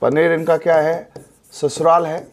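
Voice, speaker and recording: A man gives a classroom lecture for exam students. His voice sits a little high. He talks in a relaxed, chatty way, firing short questions and answering them himself. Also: a little hiss or hum. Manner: chatty, repeats and quizzes with quick questions. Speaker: exam coaching teacher.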